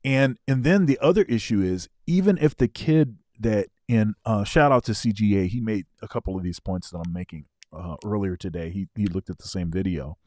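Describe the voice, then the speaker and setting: A man's voice: on the low side, a little fast, few pauses, darkish tone, no echo, clean studio sound. A man co-hosting a casual reaction show, talking things through and often repeating his words as he explains. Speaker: co-host.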